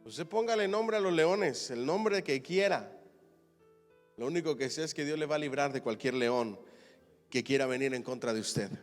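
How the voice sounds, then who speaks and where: A man preaching a sermon as a pastor teaching a Bible class, reading scripture, swelling to loud emphatic declarations and calling the congregation to repeat phrases after him. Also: expressive, moderate pace, faint music behind. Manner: builds to loud emphatic declarations, then drops low. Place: church. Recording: long church hall reverb.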